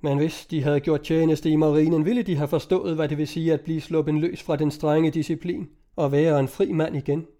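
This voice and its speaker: A man's voice: on the high side, steady tone, hardly any pauses, warm tone, close to an everyday voice. A man reading aloud, voicing a forthright young naval officer in an old-fashioned storybook. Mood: cheerful.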